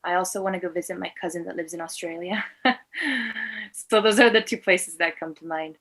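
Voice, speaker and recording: Speaking briskly with a fairly low, fairly bright voice and fairly even intonation, a Venezuelan woman in her twenties takes interview questions conversationally. She's a native Spanish speaker from Latin America and works as an actor and filmmaker.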